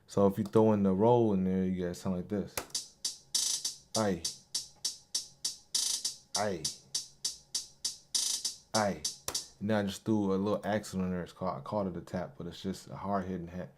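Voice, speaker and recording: A man with a fairly low voice talks through a beat he made in a relaxed, casual way. He sounds like a producer in his home studio, with loud beat music playing behind him. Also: fast, few pauses. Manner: laid-back, hypes along to his beats with yo and hey ad-libs. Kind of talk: casual beat breakdown tutorial.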